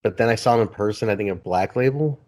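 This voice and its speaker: A man co-hosting a wrestling podcast in casual chat, excitable, laughing and swearing freely. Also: lowish voice, fast talker. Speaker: podcast co-host.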